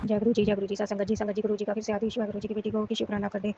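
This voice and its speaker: Pleading woman from Rajasthan, fast and mellow. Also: mid-range voice, completely flat delivery, highs cut off, slight background noise. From Rajasthan, India. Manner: pleading, emotional, repetitive devotional chanting. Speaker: devotee giving testimony. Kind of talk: devotional testimony and prayer.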